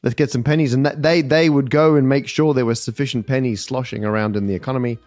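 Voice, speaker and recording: A man hosting a podcast quiz game, with a wry, explanatory delivery. His voice sits at a middle pitch. The recording is dry and close. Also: steady tone, quick pace, a little mellow, no room sound, faint music behind. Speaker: quiz host.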